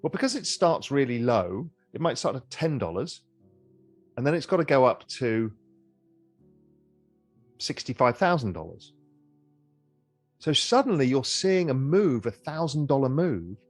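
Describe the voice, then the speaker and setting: A middle-aged man speaks as an interview guest at a medium pitch, his voice swinging up and down in lively, animated contours. He talks conversationally, repeating and restarting phrases as he thinks aloud. Faint music plays softly behind him. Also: unhurried, pauses often.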